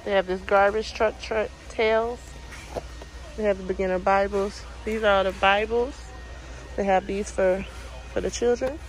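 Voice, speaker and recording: A woman's voice: mid-range voice, fairly even intonation, unhurried. A young woman with a son, chatting casually as she browses aisles and reads out items and prices, recorded on a handheld phone in a large store. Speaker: shopping vlogger. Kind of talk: casual shop-with-me narration. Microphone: handheld phone camera. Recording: noisy phone audio in a busy store. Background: store ambience and noise.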